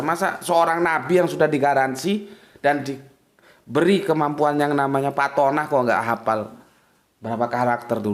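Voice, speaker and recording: A man's voice: fairly high pitch, a bit bright. A man giving an informal religious lecture, casual and direct, often checking that his listeners follow. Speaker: religious teacher. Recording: echoey room.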